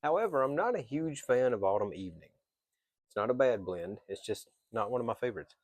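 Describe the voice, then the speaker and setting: A man giving a casual, unscripted product review as a reviewer, pausing mid-thought and thinking aloud. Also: medium pitch, animated, darkish tone, dry recording, clean studio sound. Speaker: pipe tobacco reviewer.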